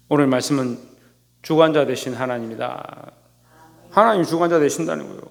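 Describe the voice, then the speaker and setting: A male pastor preaching to his church in a fairly high voice. He fires questions at the congregation, answers them himself and mimics scolding lines. His words ring out with a long reverb, as in a church sanctuary. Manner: acts out quoted scolding in a raised voice. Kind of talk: sermon.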